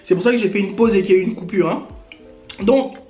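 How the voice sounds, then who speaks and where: Born in Gabon, a woman YouTuber rants indignantly into her camera, talking straight at her critics and peppering her speech with fillers like "hein" and "genre." Her voice is medium-pitched and warm, she talks fast, and the highs are cut off. The room is echoey, with faint music.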